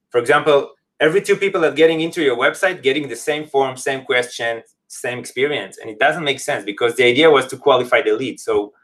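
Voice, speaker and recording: A man's voice: mid-range voice, fairly bright tone. Man explaining in English. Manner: non-native English phrasing. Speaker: company representative, podcast guest. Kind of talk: casual interview, explaining a product.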